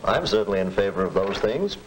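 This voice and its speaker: A man's voice: low voice, very animated, a little fast, background noise. A man playing an agreeable, reasonable middle-aged American father in a 1940s educational film. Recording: vintage film soundtrack.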